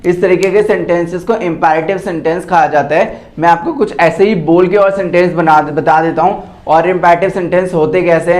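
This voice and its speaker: A man's voice: fairly high pitch, a little mellow. A man teaching English at home in a casual lesson, speaking Indian English with lots of fillers and repeating example sentences word by word. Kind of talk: casual spoken lesson mixing Hindi and English. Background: household noise.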